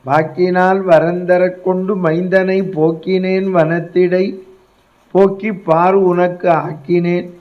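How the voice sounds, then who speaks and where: A man voicing a calm, scheming queen mother in a told epic, speaking in a measured, soothing way. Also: high voice, highs cut off. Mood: cool.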